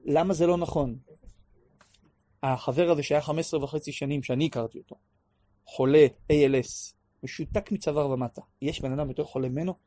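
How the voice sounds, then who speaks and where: A man teaching a class on prayer in an animated way, acting out pleas and sometimes raising his voice to a shout. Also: fairly high pitch, no room sound. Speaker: religious teacher.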